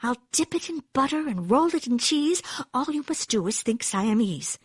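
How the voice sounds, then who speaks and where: A storybook mother cat, voiced by a woman, firm and persuasive. She scolds and coaxes in playful rhymes. Her slightly husky voice rises and falls expressively. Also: a little high, animated, normal speed, no echo, studio quality. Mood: coaxing.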